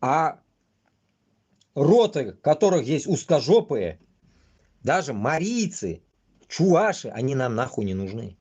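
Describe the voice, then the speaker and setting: A man rambles on a livestream, swearing constantly and bluntly in halting, choppy phrases. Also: mid-range voice, sing-song, darkish tone, slightly rough, muffled recording. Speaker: livestream host. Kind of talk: casual rambling live commentary.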